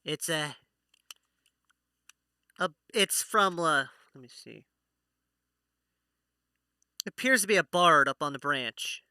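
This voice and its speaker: A man's voice: a little high, expressive, takes it slowly, pauses often, pushed and bright, smooth, no echo, studio quality. A man narrating a tabletop role-playing game as its playful game master.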